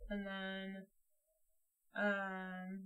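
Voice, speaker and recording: A woman's voice: medium pitch, monotone, drawn-out words, fairly bright tone, smooth, muffled recording. A woman streaming a board game, chatting casually and thinking aloud as she plays.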